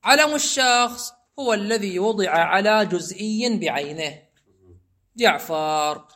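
A man teaching a grammar lesson, explaining step by step and repeating examples slowly. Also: sits high, expressive, sharp tone.

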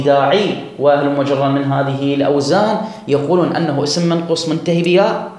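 A man's voice: fairly high pitch, darkish tone. Man teaching grammar in a very echoey room. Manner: reads text slowly and stretched, then explains quickly; asks the class questions and urges them to follow. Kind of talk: classroom lesson reading and explaining a grammar text.

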